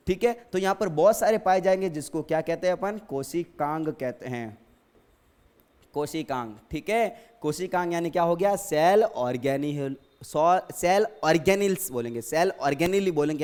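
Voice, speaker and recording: A man's voice: high voice, darkish tone, clean tone. A male teacher giving a science lesson, asking questions and answering them himself while repeating key terms and addressing the students fondly. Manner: repetitive, drilling terms.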